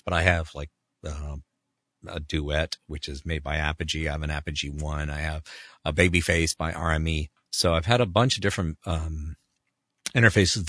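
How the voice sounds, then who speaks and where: Low bright-voiced guy telling stories, mimics people, super dry studio mic. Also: dry recording. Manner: acts out other people's voices with big pitch jumps. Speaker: voice actor guest. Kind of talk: animated anecdote telling.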